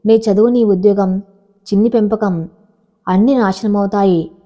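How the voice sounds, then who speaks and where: A woman's voice: mid-range voice, fairly even intonation, normal speed, dark tone, big-room sound, close to an everyday voice. A woman voicing a suspicious young husband who speaks in an accusing, emotional way, on a dull lo-fi recording. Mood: remorseful.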